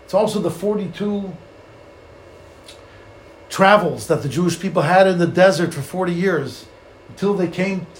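A man's voice: high voice, normal speed, pauses often. A man with gives a Torah sermon as a rabbi, telling stories emphatically, repeating phrases and asking rhetorical questions. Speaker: rabbi giving a Torah lecture. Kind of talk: sermon, Torah lecture with storytelling. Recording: echoey room, faint background noise.

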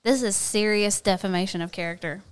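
A woman's voice: mid-range voice, a little fast, clean tone. Chatty, teasing woman in her thirties. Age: 30s. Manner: playfully combative, teasing, chatty. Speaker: podcast co-host. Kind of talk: casual banter. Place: home, on a couch. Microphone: podcast microphone.

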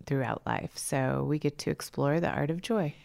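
A woman co-hosting a podcast in casual chat, chatty and quick to laugh. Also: low-pitched, vocal fry, a little mellow. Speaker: podcast co-host.

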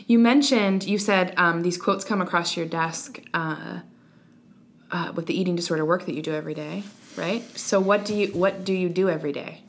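Supportive woman podcast host, lowish voice. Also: fairly even intonation, normal speed, a little hiss or hum. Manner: supportive, with frequent affirming murmurs. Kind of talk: casual interview conversation.

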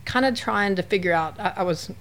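A woman's voice: medium pitch, fairly quick, fairly bright tone, slight background noise. A woman from West Texas, a podcast guest, telling her life story in a chatty, casual way with many fillers.

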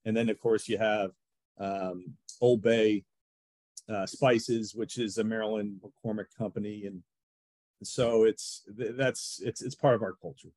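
A man's voice: fairly low pitch, steady tone, unhurried, a little mellow, no room sound. A man with an American accent answering conversationally as a baseball team representative in an interview.

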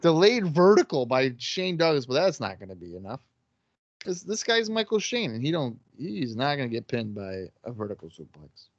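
A man's voice: mid-range voice, sing-song, moderate pace, no echo. A man co-hosting a podcast, giving joking, profane play-by-play of a wrestling match in casual chat. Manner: joking, swears freely. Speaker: podcast co-host watching wrestling. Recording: dull lo-fi dry sound.

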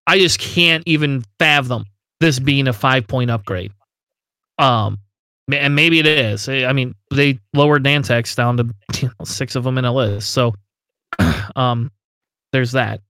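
A man co-hosting a casual game podcast, talking with emphatic disbelief and laughing often. His voice sits at an ordinary middle pitch. The sound is dry and close. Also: measured pace, pushed and bright, clean tone, dry recording. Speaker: podcast co-host. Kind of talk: casual tabletop game discussion.

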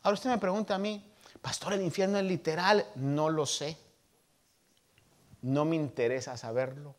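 A man in his thirties, a pastor, preaching a sermon and telling stories from his childhood with lively voices for the people he quotes. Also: on the high side, moderate pace. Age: 30s.

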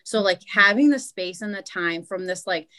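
A woman guest explains her view in an easygoing podcast chat. Her voice sits at a middle pitch, and she talks earnestly, tucking "like" and "right?" between her points. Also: moderate pace, pushed and bright.

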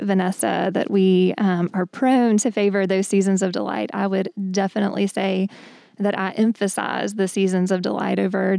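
A woman shares her thoughts earnestly in a Bible study discussion group, pausing often on ums. Her voice is gravelly and dark in tone. The recording is dry and close. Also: mid-range voice, no room sound.

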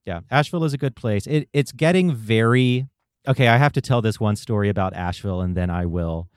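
A man's voice: on the low side, quick pace, smooth, no room sound, clean studio sound. A man hosting a podcast, chatting casually and telling stories with the odd swear word. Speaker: podcast host. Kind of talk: casual interview chat.

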